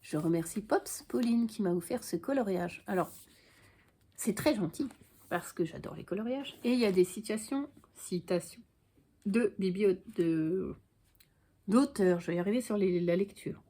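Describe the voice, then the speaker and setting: A woman's voice: mid-range voice, moderate pace, mellow. A woman book vlogger chatting frankly to the camera at home, with dry little asides. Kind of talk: casual chat to camera.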